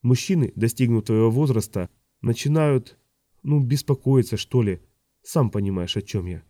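A man reading an audiobook, voicing a middle-aged noblewoman who is sharp-tongued but tender, speaking softly and quietly with occasional rises in pitch. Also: moderate pace, no room sound, studio quality, lightly acted.

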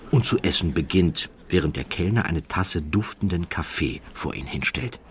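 A low-pitched male audiobook narrator reads a scripted literary story in a measured, deliberate storytelling style.

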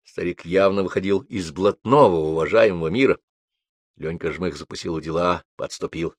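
A man narrating a novel aloud in a measured, even storytelling manner. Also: low-pitched, slightly rough, no echo. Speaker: audiobook reader.

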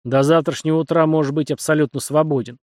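A man voicing a stern older male naval captain who speaks in a gruff but courtly, commanding way. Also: on the high side, fairly even intonation, quick pace, darkish tone, dry recording, clean studio sound, natural voice. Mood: gallant.

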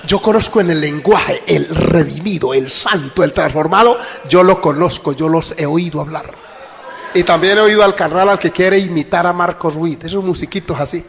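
Male pastor preaching, gravelly voice, dramatic storytelling that swings from whisper to shout, long hall reverb. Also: on the high side, moderate pace. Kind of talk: sermon.

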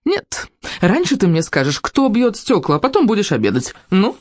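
A reader voicing a fat, angry, bossy shop saleswoman who scolds in a high, shrill voice in an audiobook. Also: huge pitch swings, moderate pace, no echo, studio quality. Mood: scolding. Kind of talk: audiobook character voice.

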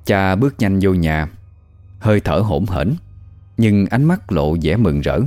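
A man with a low, mellow voice narrates a ghost story. He reads at a measured, steady pace, and faint music plays underneath. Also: dry recording. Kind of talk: scripted horror story narration.

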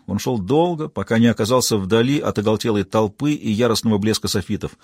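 Husky guy reading a novel out loud, steady and even, mid pitch. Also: dry recording, studio quality. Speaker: audiobook narrator. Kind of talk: scripted narration.

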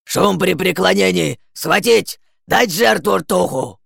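A man voicing a fanatical male goblin shaman who barks slow, shrieking commands in a gravelly voice, in an audiobook. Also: high voice, lively intonation, a bit bright, dry recording, pitched above the performer's own voice, exaggerated voice. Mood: furious. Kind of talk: audiobook character voice.

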